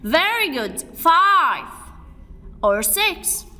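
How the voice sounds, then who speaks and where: A woman teaching spelling to young children, saying each word and letter slowly in a sing-song way. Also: extremely high pitch, big pitch swings, sharp tone, big-room sound. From Egypt. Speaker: kindergarten English teacher. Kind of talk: spelling drill lesson for young kids.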